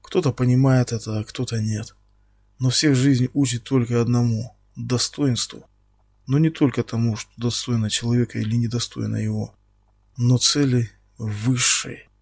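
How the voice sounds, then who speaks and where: A man voicing a menacing male captor who speaks slowly and quietly, taunting his victim. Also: medium pitch, steady tone, vocal fry, husky, dry recording, clean studio sound. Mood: quiet menace. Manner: slow, quiet, taunting, bursts into shouting.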